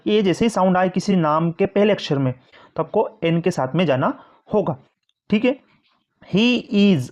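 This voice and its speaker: An English grammar teacher giving a step-by-step lesson, reading example sentences slowly and checking in often with the listener. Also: medium pitch, darkish tone. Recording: dull lo-fi recording.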